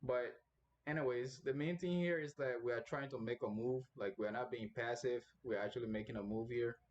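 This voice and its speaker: A man's voice: mid-range voice, steady tone, moderate pace, highs cut off. A young man casually commenting on his own gameplay, rambling with many fillers as he thinks aloud.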